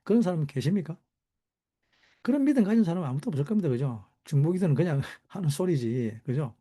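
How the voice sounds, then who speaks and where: Animated preacher, dark voice, lively pitch. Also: male voice, fast talker. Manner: rhetorical, constantly asking the audience "right?"; animated, sudden pitch jumps for emphasis. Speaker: Bible teacher. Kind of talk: sermon.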